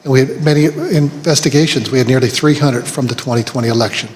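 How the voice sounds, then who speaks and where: In a large hearing room, an official testifies firmly and methodically, listing figures one by one. His medium-pitched voice holds a steady tone as he talks fast, and the recording carries slight background noise, faint ambience and a long hall reverb.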